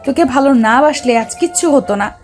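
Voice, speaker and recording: A woman voicing a bitter, angry young wife and mother who shouts and scolds in an audio drama. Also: sits high, expressive, a little fast, soft background music. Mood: furious. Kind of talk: Bengali audio drama acting.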